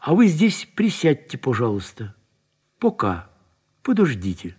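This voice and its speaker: A young army lieutenant speaks in clipped commands that turn quiet and halting. A man reading the story gives him voice. The delivery keeps a lively rise and fall. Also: medium pitch, breathy edge, heavily acted. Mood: hesitant. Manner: clipped orders, then soft hesitant speech. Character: young male army lieutenant, stern yet uneasy.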